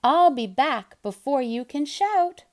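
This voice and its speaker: Storybook young male cat, female reader: excitable, sing-song, high-pitched, very animated. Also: slow. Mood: eager, bright.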